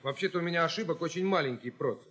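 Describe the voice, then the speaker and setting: An actor playing a cheeky adult pupil who brushes off his mistakes with quick, confident excuses in a scripted radio comedy. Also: a little high, fairly bright tone, close to an everyday voice.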